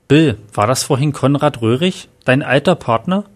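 A man's voice: mid-range voice, expressive, moderate pace, lightly acted. A man voicing a curious, helpful male colleague in a plain, eager way.

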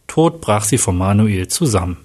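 A man narrating a story in a plain, steady reading style with a husky voice. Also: lowish voice, normal speed.

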